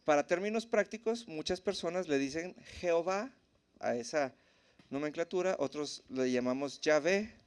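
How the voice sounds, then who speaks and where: A man teaching at a church in a relaxed, conversational way, often checking in with the congregation. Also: on the high side, normal speed, smooth. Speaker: preacher.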